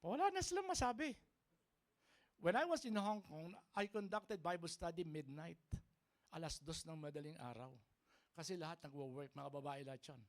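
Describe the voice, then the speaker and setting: A man preaching a sermon as a pastor, mixing Tagalog and English and often checking for the congregation's agreement. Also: a little high. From Philippines. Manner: lively, keeps asking the congregation for agreement. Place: church service.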